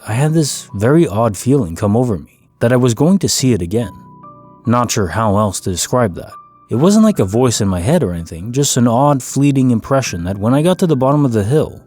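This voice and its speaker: A man reads a first-person eerie tale in a calm, measured way. His voice is dark and mellow at an ordinary pitch for a man, and soft music plays faintly underneath. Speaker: story narrator. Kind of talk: scripted first-person story narration.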